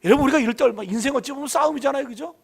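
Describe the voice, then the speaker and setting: A middle-aged pastor gives a Friday night sermon in a church sanctuary, his very high voice racing along with vocal fry. He speaks casually and colloquially, tells stories about his daughters and keeps putting questions to the congregation in a preachy call-and-response style.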